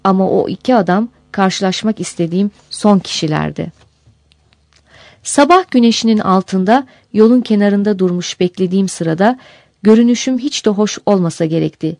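A warm-voiced woman narrates a first-person memoir as an audiobook. Her pitch is medium and her pace moderate, and the recording is dry with clean studio sound.

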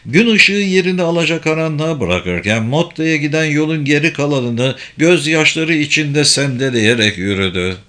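A man narrating an audiobook in a measured, somber reading. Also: on the high side, lively intonation, sharp tone.

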